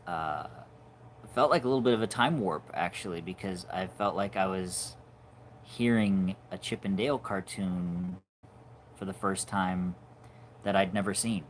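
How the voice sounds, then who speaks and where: Man in his forties, deep low voice, casual livestream host, halting and musing, faint hum behind. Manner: halting, musing, trails off softly. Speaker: animator hosting a livestream.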